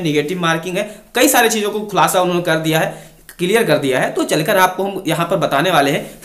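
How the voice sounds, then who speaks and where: A young man who runs an exam-news YouTube channel and works as a coach gives an informal, instructive explainer to exam aspirants, repeating the key points. His voice sits high and a bit bright, with a roomy sound.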